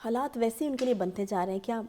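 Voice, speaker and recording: A woman from Pakistan hosts a studio talk show with a fairly high voice. She presses her guest with pointed questions and keeps up a steady stream of short acknowledgements. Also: a crowd in the background. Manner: probing, interjects often with short acknowledgements.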